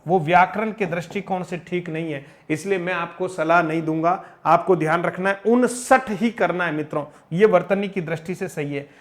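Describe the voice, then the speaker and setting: A man teaching Hindi number words, repeating each one and correcting common mispronunciations. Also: high voice. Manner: repeats and corrects each word, addressing viewers as friends; slow, emphatic drilling of pronunciation. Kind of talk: spoken grammar lesson.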